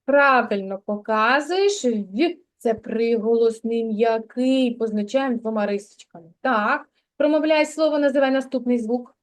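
A woman preschool teacher leads a kindergarten literacy lesson in a high voice. She talks slowly, giving clear, patient prompts and instructions to a young child.

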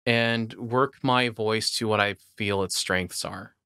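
A man's voice: on the low side, fairly even intonation, slow pace, pushed and bright, smooth, dry recording, clean studio sound. A man co-hosting a podcast, chatting casually and opinionated about audio gear. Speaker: podcast co-host.

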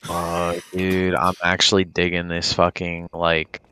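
A man's voice: low voice, monotone, unhurried, noisy background. A man chatting casually over gameplay with a friend like a hyped gamer bro, slangy and sweary. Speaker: gaming streamer.

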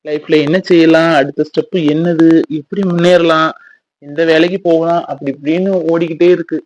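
A man's voice: a little high, flat delivery, a little fast, no room sound, low-quality recording. A man acting a husband in a family drama, talking in a despairing, self-blaming way.

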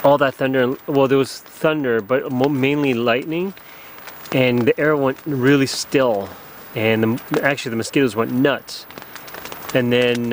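A medium-pitched man on a canoe trip vlogs from inside a small tent at night as a storm rages, narrating casually to a camera held close. He rambles and restarts sentences while recalling events, with wind, rain and pine needles hitting the tent in the background.

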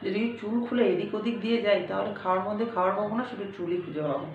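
A woman's voice: mid-range voice, racing, darkish tone, muffled recording, slight background noise. Chatty woman vlogging in an echoey kitchen. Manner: chatty, addresses viewers directly. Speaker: family vlogger. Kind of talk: casual cooking vlog. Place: home kitchen.

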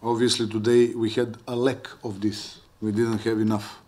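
A middle-aged man, a head coach, speaking at a post-game press conference in measured English with pauses. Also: fairly low pitch, flat delivery, a little mellow. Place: press conference room, seated at a table. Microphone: table mic.

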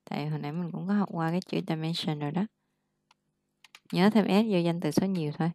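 A woman's voice: fairly low pitch, fast talker, dark tone, no room sound. A woman tutoring English one-on-one, patiently correcting pronunciation and explaining words.

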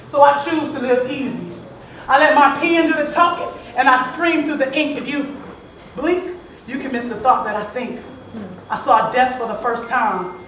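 High bright woman, spoken word poet. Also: a little hiss or hum. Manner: rhythmic, rising to shouts. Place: large hall. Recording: echoey hall from far off.

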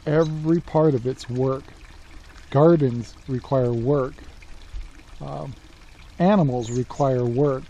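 Speaking slowly with long pauses, this homesteading vlogger has a warm, mid-range voice. He is a man in his sixties from Central Oregon, USA, talking casually and plainly outdoors in a rural yard, full of filler words. The recording, from a handheld camera held at arm's length, sounds dull and lo-fi with faint outdoor noise behind him.

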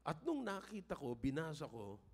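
An older pastor with a Filipino accent and a husky, fairly high voice preaches at a moderate pace. He swings between loud, emphatic appeals and calm personal stories.

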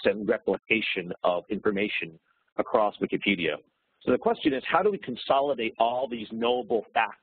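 A man's voice: mid-range voice, slightly rough, no room sound. A man speaking on a phone to present a webinar, explaining steadily with fillers. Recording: dry, tinny phone line.

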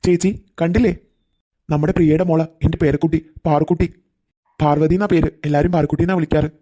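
A man's voice: a little high, fairly even intonation, fast, mellow, close to an everyday voice. A man doing a kindly old grandfather. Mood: reassuring. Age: older.

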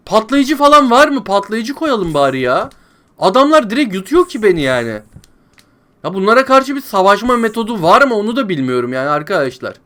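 A man with a noticeably high-pitched voice, narrating his gameplay for viewers in a chatty, frustrated way. He complains to the audience as if to friends and breaks into yells when the game turns on him. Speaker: gaming YouTuber. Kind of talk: let's play commentary.

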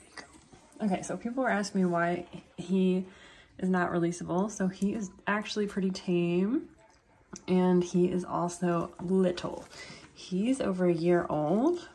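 Woman, animal rehabber, gravelly fry, casual offhand vlog chat, indoors. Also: lowish voice, darkish tone. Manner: chatty and offhand, talks to the animals, casual swearing. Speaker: opossum rehabber.

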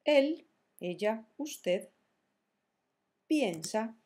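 A woman teaching verb conjugations in a slow, careful tutorial, spelling out each form deliberately. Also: a little high, lively intonation, a little mellow, breathy edge. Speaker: Spanish teacher.

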